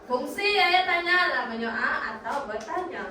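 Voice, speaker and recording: Young woman as a cheeky pupil, high voice, echoey classroom, kinda far from the mic. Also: animated, normal speed, bright, forceful tone. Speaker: student in a role-played class. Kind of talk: micro-teaching role-play. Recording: echoey classroom with background noise, from afar.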